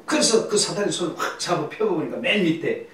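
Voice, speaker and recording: A male pastor preaches in an emphatic call-and-response style, with a fairly high and very lively voice. He is heard from far off in a church with very heavy echo and faint ambience behind him. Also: a little fast, slight background noise. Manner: emphatic, repeats key words, prompts the congregation. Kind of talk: Bible seminar sermon with call-and-response. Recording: distant echoey church recording.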